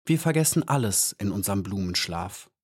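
A man reading an audiobook and voicing a wise male flower elf who speaks calmly and earnestly. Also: fairly low pitch, fairly quick, breathy edge. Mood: serene. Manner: calm and earnest.

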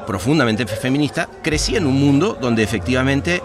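A man's voice: medium pitch, expressive, a little fast, music in the background, a crowd in the background. A man with a Venezuelan accent, a podcast guest talking in a reflective, rambling way with many restarts. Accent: Venezuelan Spanish. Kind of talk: casual conversation.

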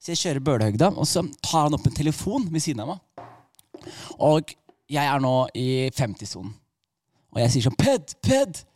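A male comedian telling a comic story in an animated way, with wide swings in loudness and pitch. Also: pauses often, slight background noise. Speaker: comedian guest.

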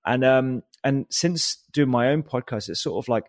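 In a living room, a man with a mid-range voice hosts a casual podcast interview at a normal speed. He's chatty, laughs a lot, and often restarts his sentences.

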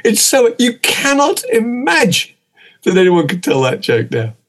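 A man's voice: high-pitched, huge pitch swings, fairly bright tone. A man co-hosting a podcast, chatting casually and chiming in with eager agreement. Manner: enthusiastic, quick to agree and chime in. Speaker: podcast co-host. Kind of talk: casual chat.

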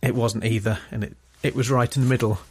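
A man from England co-hosting a casual podcast chat, wry and quick to laugh. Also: mid-range voice, fairly even intonation, a little mellow, breathy edge. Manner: wry, chatty, laughs often. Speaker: podcast co-host.

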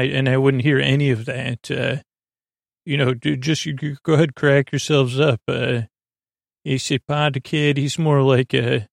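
A man with a creaky, mid-range voice hosts a sleep podcast, rambling through a goofy, self-deprecating bedtime monologue meant to help listeners drift off. He meanders and halts, trailing off and repeating himself. The studio sound is clean with no echo.

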